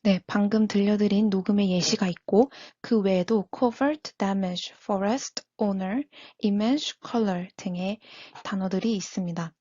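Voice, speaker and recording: A young woman, a university student, reading a prepared class presentation in a measured, scripted way. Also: medium pitch, mellow, no echo, lo-fi sound. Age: young adult.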